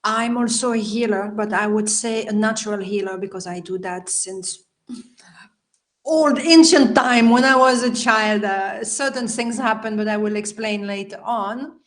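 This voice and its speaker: Speaking at a measured pace with a medium-pitched voice, a healer and life coach from Belgium joins a podcast by video call. Her native language is French and her accent Belgian French, so her phrasing comes out non-native, and she laughs a lot during the casual interview.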